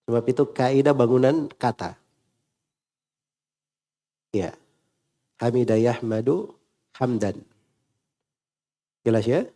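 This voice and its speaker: Man, teacher, mellow dark voice, quizzing the class, drilling word endings. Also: mid-range voice, animated, slow pace, long pauses. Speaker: Islamic teacher. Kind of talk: classroom Arabic grammar lesson.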